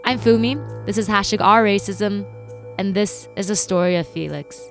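A woman hosting a podcast, reading a measured scripted introduction. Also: mid-range voice. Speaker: podcast host. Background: soft music.

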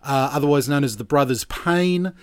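A man's voice: fairly high pitch, clear, resonant tone, no echo, studio quality. An Australian man in his forties from Queensland, chatting casually as a podcast guest, often restarting his sentences. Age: 40s. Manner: chatty, halting and self-interrupting. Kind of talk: casual chat.

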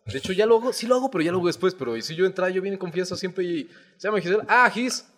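Fast-talking Mexican man, playful guest. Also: high-pitched, expressive, a little mellow, slightly rough. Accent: Mexican Spanish. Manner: rapid, storytelling, playful. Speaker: podcast guest. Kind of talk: casual chat.

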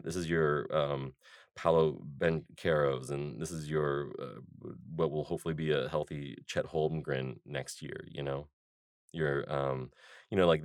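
A man's voice: rumbling low, dry recording, clean studio sound. A man hosting a podcast, talking through his ideas in a loose, rambling monologue full of fillers and restarts. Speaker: podcast host.

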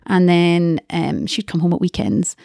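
Glaswegian woman with a creaky voice. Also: lowish voice, animated, a little slow, warm tone, no echo, studio quality. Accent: Glaswegian Scottish. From Glasgow, Scotland. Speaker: interview guest. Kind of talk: candid personal storytelling in conversation.

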